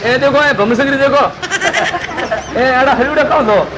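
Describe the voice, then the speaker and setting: A man's voice: extremely high pitch, a little slow, a crowd in the background. A man playing a casual, nagging vegetable seller's helper in a comedy skit. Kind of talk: improvised comedy skit in dialect. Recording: noisy crowded outdoor street recording.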